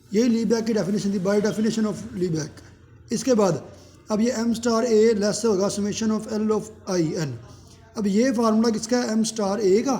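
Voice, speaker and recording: A man's voice: sits high, warm tone. A man giving a math lecture, who poses questions to the class and answers them himself.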